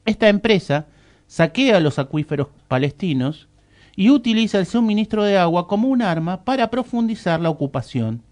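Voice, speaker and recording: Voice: mid-range voice, animated, normal speed, darkish tone. A speaker with an Argentine accent, emphatically reading out a political statement as a committee spokesperson.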